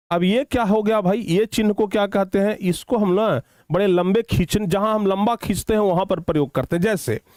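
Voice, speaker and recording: A man teaching children a grammar lesson, repeating phrases slowly for dictation and often checking whether they have understood. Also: sits high, a little mellow, no room sound, studio quality. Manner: slow, repetitive dictation, drawing out words; addresses students affectionately, checks understanding often.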